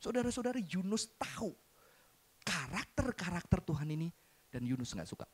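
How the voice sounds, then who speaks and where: A man preaching a sermon to his congregation, animated and joking, mixing in English phrases. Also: sits high, moderate pace, slightly rough. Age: adult, father. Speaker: pastor.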